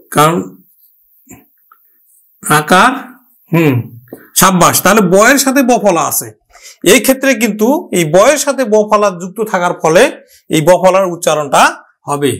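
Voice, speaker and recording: A man teaching a pronunciation lesson, asking himself questions and repeating each example word slowly and deliberately. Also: high voice, animated, fairly bright tone. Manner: asks questions and answers them himself. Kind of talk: grammar lesson at a board.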